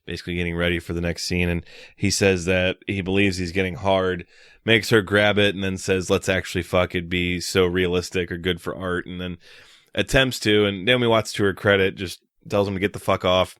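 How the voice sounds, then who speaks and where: Deep-voiced man recapping a film. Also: fairly quick, clean tone, dry recording, clean studio sound. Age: young adult. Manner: recapping scenes in a relaxed, joking way. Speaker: podcast co-host. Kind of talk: casual film discussion.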